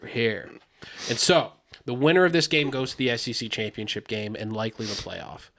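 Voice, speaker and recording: A man in the middle of a loose sports podcast chat. His pitch sits in a middle range, and he talks in an animated, rambling way full of asides and profanity. He keeps riffing and joking with a co-host. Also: fairly quick.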